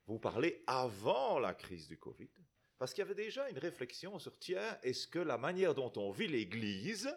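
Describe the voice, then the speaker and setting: Preaching to a congregation in a husky, mid-range voice, a middle-aged guest preacher from Belgium keeps things chatty. His Belgian French accent comes through as he restarts sentences and tacks questions onto them.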